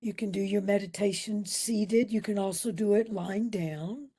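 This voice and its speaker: Leading a guided meditation, this female instructor speaks softly and soothingly with long silences in between. Her mid-range voice stays steady and breathy, at times almost whispered.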